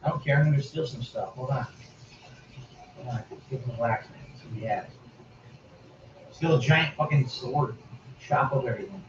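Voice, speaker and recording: A man's voice: mid-range voice, normal speed, long pauses, noisy background. A man giving casual, wry gameplay commentary and musing aloud as a game streamer. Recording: distant roomy lo-fi stream recording.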